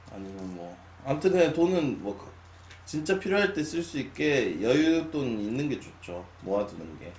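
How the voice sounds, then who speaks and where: Rambling late-twenties man in an echoey room. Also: medium pitch. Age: 20s. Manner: musing, slow and sighing, drifting between loud and soft. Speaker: live streamer. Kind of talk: casual late-night chat with viewers. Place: small room at a desk. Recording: echoey room, faint hum.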